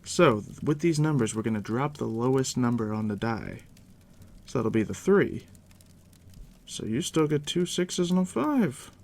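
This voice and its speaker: There's a crackling fire and steady background noise as a man, cast as a game master, gently explains tabletop game rules. His hushed, gravelly voice sits in the mid range, and he talks unhurriedly and conversationally right to the listener in this soft-spoken ASMR roleplay.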